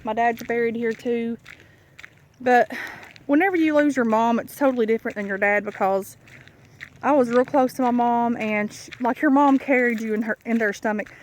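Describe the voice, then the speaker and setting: A woman with a highish voice chats to her viewers in a candid, folksy ramble. She is walking outdoors along a rural road, and light noise sits behind her words. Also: normal speed. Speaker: vlogger. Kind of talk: casual chatting walking vlog. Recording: noisy outdoor country recording. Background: clear outdoor noise.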